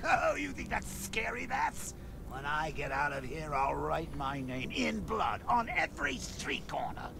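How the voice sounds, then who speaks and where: An actor playing a manic, vain villain clown in a video game, theatrical, mocking and volatile, with a creaky voice that leaps into shrill cackles. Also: male voice, big pitch swings, unhurried, pushed and bright, a little hiss or hum, full character voice. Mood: rattled rage.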